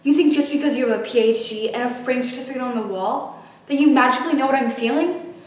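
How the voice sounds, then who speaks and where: A woman's voice: high voice, fairly even intonation, drawn-out words. A teenage girl acting a grieving, angry daughter in a dramatic monologue, with tragic, sorrowful, emotionally wrought delivery. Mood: bitter, accusing. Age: young teenager. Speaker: actor performing a monologue. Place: small bare indoor room. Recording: echoey room, distant mic, noisy.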